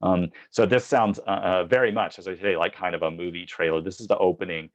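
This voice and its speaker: Guy with a really low voice giving a lecture, lots of ums and uhs, kinda measured. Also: steady tone, dull audio. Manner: reads quoted passages from books aloud. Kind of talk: academic lecture.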